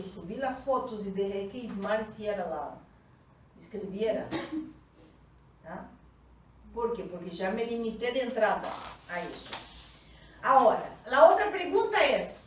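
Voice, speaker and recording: A native Portuguese-speaking woman coaches a group in Spanish in a slightly high voice with lively intonation, explaining slowly and often checking in with "¿tá?". The recording is echoey and distant, with a little hiss or hum.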